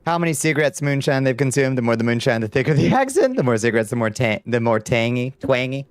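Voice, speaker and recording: Talking to chat while gaming live, a middle-aged man from Georgia, US, brings a light Southern twang and a laid-back, wry drawl. His mid-range voice is clean in tone, fast and full of big pitch swings, with no room sound.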